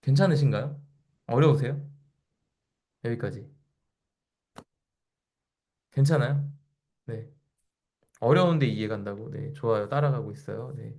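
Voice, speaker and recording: A man's voice: mid-range voice, unhurried, creaky, long pauses, darkish tone. A man in his forties giving a lecture to a live audience, often asking the listeners questions and acting out quoted voices. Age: 40s.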